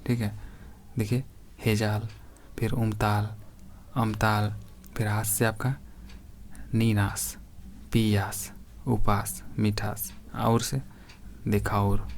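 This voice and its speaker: Male tutor, low flat delivery, steady word-list reading, faint hiss behind. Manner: reads word lists slowly and addresses viewers as friends. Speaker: exam prep teacher. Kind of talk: grammar lesson.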